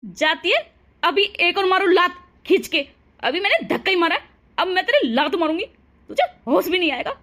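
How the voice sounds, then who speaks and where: A woman's voice: sits high, moderate pace, bright, forceful tone. A woman voicing a harsh older mother-in-law in a cartoon story, scolding and taunting. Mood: scornful.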